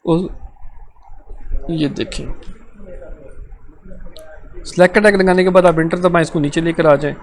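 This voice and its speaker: A man's voice: fairly high pitch, steady tone, measured pace, pauses often, slight background noise. A man with a Pakistani Urdu accent teaching a live online coding lesson, explaining step by step and checking in often. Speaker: programming tutor. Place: live online class session.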